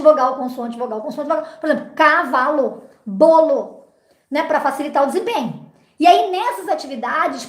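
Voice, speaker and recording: A middle-aged woman, a literacy teacher, explains classroom phonics games in a patient, didactic way, often pausing with little checking words. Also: high voice, roomy sound. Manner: didactic, frequent "né?" and "então" fillers.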